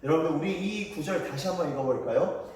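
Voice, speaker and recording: A man with a high, light voice leads a children's church service, telling a Bible story simply and patiently. He sounds far from the mic, with long reverb from a large, echoing hall. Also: fast talker. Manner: storytelling to children with lively quoted pleas. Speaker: children's ministry preacher. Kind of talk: children's sermon.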